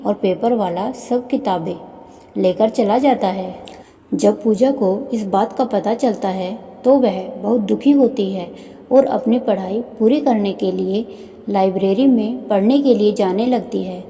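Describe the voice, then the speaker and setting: A woman narrating a moral storybook tale in a measured, even way. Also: medium pitch. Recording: long hall reverb.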